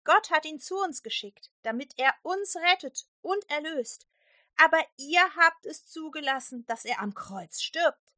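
A woman's voice: sits high, animated, unhurried, sharp tone, no room sound, clean studio sound, voice pushed up, full character voice. A woman voicing the apostle Peter, a bold man preaching earnestly to a crowd in a children's Bible story.

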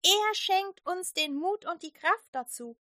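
A woman's voice: medium pitch, sing-song, normal speed, no echo, clean studio sound. A woman voicing an eager, awestruck male disciple in a children's Bible story, calling out in wonder. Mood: joyful.

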